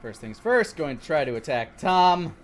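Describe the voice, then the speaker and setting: A man's voice: fairly high pitch, very animated, normal speed, slight background noise. A man narrating as dungeon master in a live-streamed tabletop game, describing the scene with fillers and restarts.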